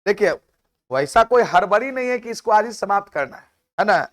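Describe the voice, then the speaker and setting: A man with a noticeably high voice and a Bihari Hindi accent teaches a math class. He talks in a chatty way, scolds his students and keeps asking rhetorical questions. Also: lively intonation, fairly quick. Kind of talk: classroom lecture with side talk.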